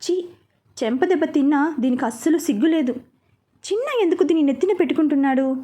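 A woman's voice: high voice, lively intonation, fairly quick, mellow. A woman doing a stern scolding grandmother. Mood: contemptuous. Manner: scolding, commanding.

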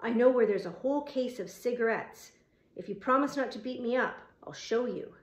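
A woman reading an audiobook, voicing a frightened but scheming young teenage boy who talks in a squeaky, pleading way. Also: fairly quick, close to an everyday voice. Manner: squeaky, pleading, playing timid. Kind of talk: audiobook character voice. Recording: roomy echo.

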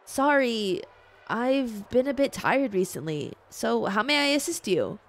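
Woman voicing a weary soft-spoken shopkeeper. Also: fairly high pitch, expressive, a little slow. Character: tired young woman shopkeeper, apologetic and weary.

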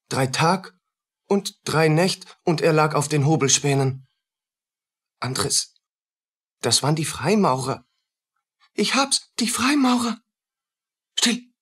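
In a radio play, an actor voices a poor soldier who is haunted and humble, speaking in halting fragments. His male voice is husky, mid-range and a bit bright, and the performance is heavily acted.

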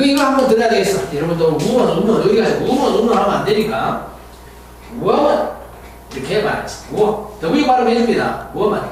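Rich: A man teaching English vocabulary, his voice high and swinging widely in pitch as he repeats each word for drilling. The recording is very echoey and distant, with a faint hiss. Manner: drills words by repeating them, animated teacherly delivery. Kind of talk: recorded vocabulary and pronunciation lesson.

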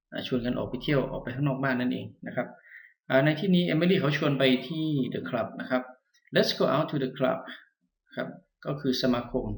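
A man teaching English, reading a short dialogue aloud and explaining it line by line, with frequent pauses and fillers. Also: mid-range voice, gravelly. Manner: patient, frequent "ah" fillers, polite particles. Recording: echoey room.

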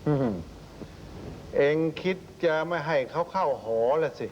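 An actor playing a haughty, short-tempered noble lord in a period radio drama, talking in a coarse, commanding way. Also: male voice, on the high side, animated, unhurried, in a large hall, lo-fi sound, slight background noise. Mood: musing. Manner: coarse, commanding, easily angered.

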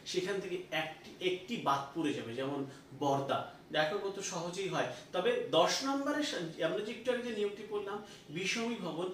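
A male teacher with a high voice gives an online grammar lesson, patiently repeating each example. He sounds set back from the mic in a very echoey room, with a faint hiss under him. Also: lively intonation, normal speed, a bit bright, distant mic.

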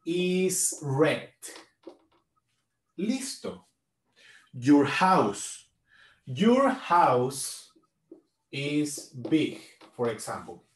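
Slow-paced teacher in an echoey room. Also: male voice, mid-range voice. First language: Spanish. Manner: switches between English and Spanish, says examples slowly. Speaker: English teacher. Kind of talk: bilingual grammar lesson. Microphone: built-in camera mic.

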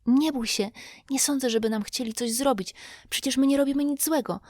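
A jittery young boy whispers through the dark, his voice lifted high above a grown reader's own pitch, the way a woman puts him on in an audiobook. He is hushed and anxious, yet he keeps pushing to sound brave, and the dry, close recording puts every breath right beside the ear. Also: a little fast, no echo. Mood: reassuring. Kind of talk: audiobook character voice.

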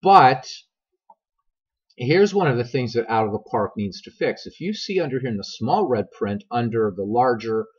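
A middle-aged man with a husky smoker's rasp, giving a casual, rambling game tutorial and talking directly to his viewers. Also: mid-range voice, lively intonation, moderate pace. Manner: conversational, digressive, addresses viewers directly. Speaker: video game tutorial host. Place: voice-over recorded over screen capture. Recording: dull, lo-fi microphone sound.

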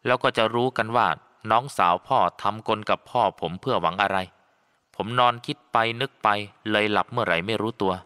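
Male storyteller for a ghost-story audiobook, steady and bright-toned, with a long hall echo. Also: fairly low pitch, clear, resonant tone. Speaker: audiobook narrator. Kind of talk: scripted first-person story narration. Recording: long reverb.

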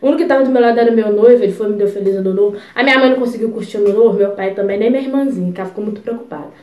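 A young woman vlogger telling a personal story in a chatty, expressive way, full of asides. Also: medium pitch, very fast, echoey room. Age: young adult. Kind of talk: casual storytelling.

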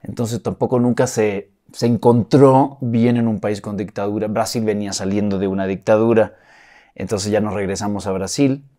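Low mellow-voiced man with Mexican accent. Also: fairly even intonation, normal speed. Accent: Mexican Spanish, acquired. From Chile. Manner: reflective, with frequent restarts and soft laughs. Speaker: actor, interview guest. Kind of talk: casual interview talk.

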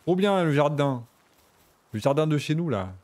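A man streaming a video game, chatting casually with his viewers and breaking into excited exclamations. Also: a little high, moderate pace. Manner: chatty, talks to chat and game characters. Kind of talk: casual gameplay commentary.

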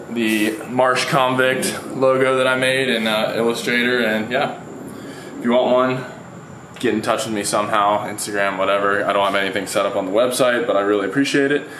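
A young man with a lowish, slightly bright voice vlogs casually about fishing, rambling and using fillers as he talks. He starts in an echoey home garage, then heads out on a paddle board on the marsh, where the camera audio turns windy.

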